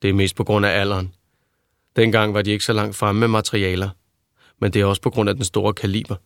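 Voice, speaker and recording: A patient young man talks in a deep, measured, reassuring way, as a male reader voices him. He sounds steady and convincing throughout, with the low voice kept unhurried. The sound is close and dry. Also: clean tone, dry recording, natural voice. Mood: calm. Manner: slow, soothing, measured. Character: calm, persuasive young man.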